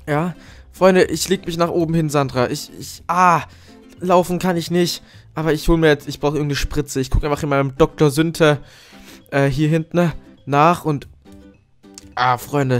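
A man narrating a Minecraft roleplay, talking straight to his viewers and groaning in dramatic mock pain. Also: a little high. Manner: theatrical, keeps calling out to his friends, groans in mock pain. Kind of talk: let's-play roleplay commentary.

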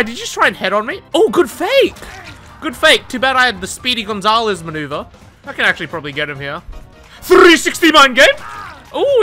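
A man with a high, animated voice commentates his gameplay in a casual, excitable way. His tone is bright and sharp, his pitch leaps around, and he swears and laughs freely. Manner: excitable, profane, laughs often. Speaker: gaming YouTuber.

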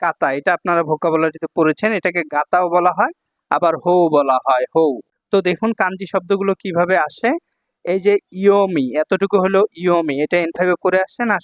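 High-voiced man teaching a kanji lesson. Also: no echo, studio quality. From Bangladesh. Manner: repeats readings, checks in with "okay?" often. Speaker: Japanese language teacher. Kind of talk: kanji lesson explaining readings.

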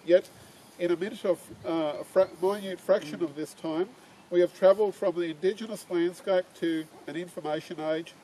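A man's voice: high-pitched, steady tone, moderate pace, dark tone, low-quality recording. An older Australian man leading a walking tour outdoors, reading history from notes with frequent ums and restarts. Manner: reads aloud from notes, with many ums and restarts. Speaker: tour guide. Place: outdoors on suburban streets. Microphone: far camera. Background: street noise and traffic.

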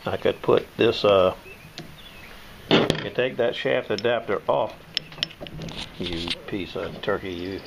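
A man's voice: on the low side, takes it slowly, vocal fry, long pauses, noisy background. An older man, casually demonstrating tools in his home workshop, rambling and folksy. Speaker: knife sharpener showing his shop tools.

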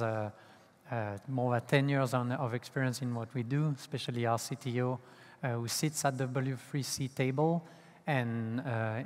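A man in his thirties delivering a startup pitch as a co-founder on stage, somewhat hesitantly, with frequent ums, into a podium microphone. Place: stage of a large conference hall. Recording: reverberant hall, stage microphone.

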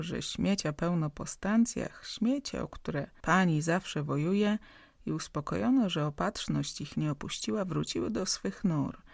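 Audiobook narrator, woman, low and gravelly, even measured reading, dry close mic. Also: dry recording. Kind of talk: scripted narration.

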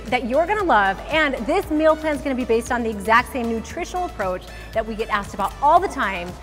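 Bubbly 30s lady pitching a fitness program, echoey studio, music underneath. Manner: bubbly, enthusiastic, emphatic. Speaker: fitness coach co-host. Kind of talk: scripted promo pitch. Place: large bright indoor studio. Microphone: lapel mic.

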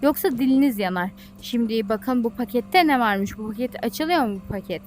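A woman giving playful gameplay commentary as a YouTuber. She is excitable and breaks into squeals and shrieks of alarm. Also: a little high, moderate pace. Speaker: gaming YouTuber.

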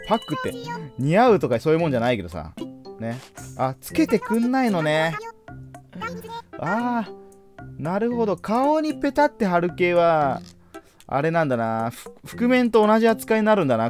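A man's voice: medium pitch, darkish tone. A man giving casual let's play commentary, chatting playfully to the characters on screen as he plays. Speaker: game streamer.

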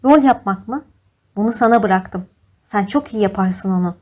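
A woman's voice: medium pitch, normal speed, a little mellow, lightly acted. A woman voicing a cold, cruel young man who speaks harshly and with contempt.

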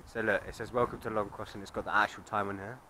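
A man's voice: on the low side, little pitch movement, quick pace, sharp tone, a little hiss or hum, poor audio. A young man chatting casually on a vlog outdoors, joking and swearing as he walks. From England. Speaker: vlogger. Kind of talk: casual chat. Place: outdoors on roads and a woodland station.

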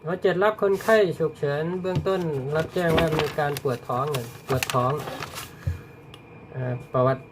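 A man's voice: fairly high pitch, moderate pace, background noise. A man working as an emergency radio dispatcher, repeating coded messages back in a procedural way.

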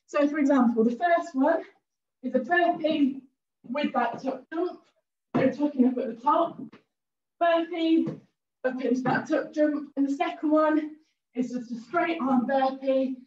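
A woman leading a cardio class, giving upbeat cues and countdowns while out of breath. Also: sits high. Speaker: fitness instructor. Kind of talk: workout instruction with countdowns. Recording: roomy, distant and a bit dull.

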